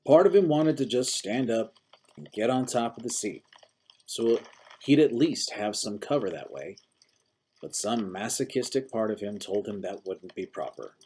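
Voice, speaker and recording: A man reads a story aloud in a low, mellow voice with a husky edge. His narration is steady and unhurried. He shifts into voices for the characters. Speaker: story reader.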